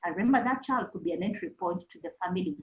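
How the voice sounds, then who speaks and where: A woman's voice: lowish voice, expressive, racing. A woman counselor gives earnest advice to teachers, repeating key points for emphasis. Her voice sits in an echoey room. The sound is muffled, as on an online call. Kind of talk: webinar talk to teachers.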